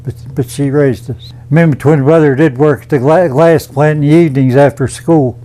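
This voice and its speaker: An elderly man talks about his past in a documentary interview. His voice is mellow and dark, and his telling is plain and matter-of-fact. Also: a little high, steady tone, moderate pace, rough recording. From southwestern Pennsylvania. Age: 80s. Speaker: veteran interviewee.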